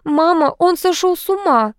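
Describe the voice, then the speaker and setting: A woman voicing a young wife who is defensive and shrill. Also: animated, moderate pace, no room sound, studio quality. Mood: shouting.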